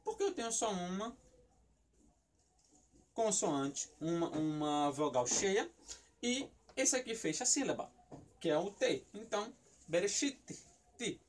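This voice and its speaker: This Brazilian man's voice is high with big pitch swings, unhurried and full of long pauses, over a slight hiss or hum. In a recorded lesson on Hebrew syllables, delivered in a Brazilian Portuguese accent, he explains by questioning and answering himself and repeats words as he thinks.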